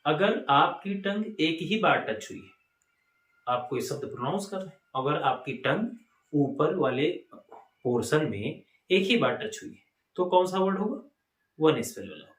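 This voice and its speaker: Male Indian teacher in a classroom, animated questioning delivery, room echo. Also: high-pitched. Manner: lively, asks the class questions and answers them himself. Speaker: English teacher. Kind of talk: classroom lesson. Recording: echoey room.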